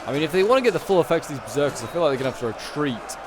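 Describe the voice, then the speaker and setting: A man gives off-the-cuff play-by-play on a strategy game. His delivery is colloquial and animated, reacting as things unfold. Clear ambient noise sits behind his voice. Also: a little high, very fast. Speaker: gameplay commentator. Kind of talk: casual live commentary on a strategy game battle.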